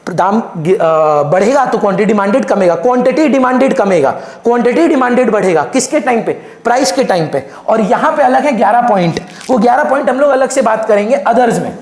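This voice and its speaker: A man giving a fast exam revision lecture on economics, emphatic and repeating key terms, switching English terms into his speech. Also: very high voice, a little mellow. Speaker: economics teacher. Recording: echoey room.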